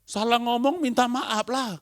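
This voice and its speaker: A man's voice: extremely high pitch, steady tone, measured pace, a bit bright, no room sound, studio quality. A male pastor preaching a sermon, asking rhetorical questions and acting out the people he quotes.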